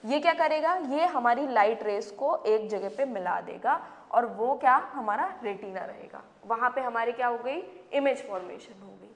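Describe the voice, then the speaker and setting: A woman's voice: on the high side, normal speed, big-room sound. A woman teacher with an Indian accent, giving a classroom science lecture in a questioning, coaxing manner. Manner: asks questions and answers them herself, calls students beta.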